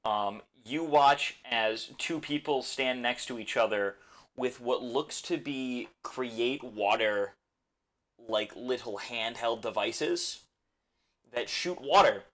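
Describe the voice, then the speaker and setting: Man, game master, relaxed tabletop narration, mid-pitched. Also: slow pace. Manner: relaxed, filler-heavy narration with frequent ums.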